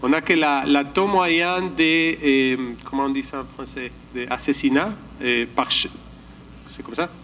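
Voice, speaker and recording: A man walks an audience through slides at a conference, pausing to search for words and restarting his sentences. His voice sits a little high for a man. A faint background noise runs under it. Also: fairly even intonation, fairly bright tone, low-quality recording. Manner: calls for the next slide. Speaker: conference presenter. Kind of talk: slide presentation at a summit.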